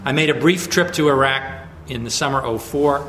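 A man giving a public lecture with slides, in a measured, emphatic way with frequent restarts and fillers. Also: mid-range voice, a bit bright, roomy sound, slight background noise.

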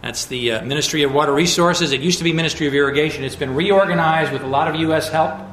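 A middle-aged man talks through his slides, pressing on key words and restarting phrases as he goes. His voice sits a little high. The room is reverberant with a faint hum of ambience behind him. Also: fairly bright tone. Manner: measured, emphatic, with frequent restarts and fillers. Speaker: lecturer. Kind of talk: public lecture with slides.

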